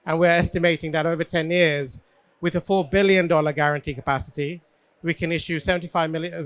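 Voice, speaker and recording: Male panel speaker, fairly high smooth voice, formal presenting style, close dry sound. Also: fairly bright tone, no echo. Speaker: panel speaker for a finance company.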